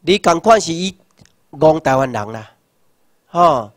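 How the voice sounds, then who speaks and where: Impassioned Taiwanese man in his sixties, high voice. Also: lively intonation, a little slow, dry recording, clean studio sound. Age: 60s. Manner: impassioned, full of rhetorical questions, shouts slogans. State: numb hands and feet. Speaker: seminar lecturer. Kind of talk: rousing political lecture.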